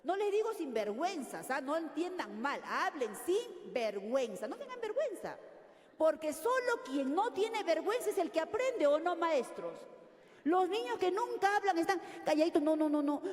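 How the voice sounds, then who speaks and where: Older peruvian lady teaching a room full of teachers, high voice, big echoey hall. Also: moderate pace. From Peru. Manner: animated, questioning audience often. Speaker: teacher trainer. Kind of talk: workshop lecture to teachers.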